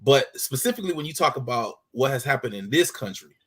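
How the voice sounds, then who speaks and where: An American man phones in to a talk show for a casual discussion, pressing his argument with lots of hesitations and restarts. His medium-pitched voice is fast and slightly rough, with lively intonation.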